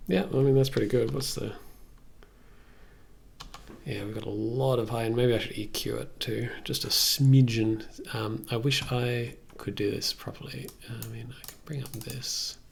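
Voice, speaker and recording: Speaking at a normal speed in a steady tone, a man in his thirties thinks aloud during a music production livestream. His mid-range voice is gravelly and creaky, and his casual talk comes out hesitantly. You can hear faint noise plus keyboard and mouse clicks.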